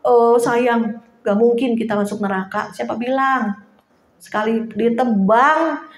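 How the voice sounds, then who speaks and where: A woman preaching an informal sermon to a small house church, chatty and lively, laughing now and then and acting out little quotes. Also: on the high side, reverberant.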